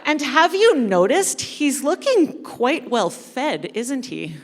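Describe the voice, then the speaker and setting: A woman with a higher-pitched voice, a kids ministry coordinator, leads a church service with an interactive storytelling sermon, speaking unhurriedly and playfully to the congregation. Her pitch swings widely, she talks to the audience directly and uses dramatic pauses. The church hall is echoey with long reverb.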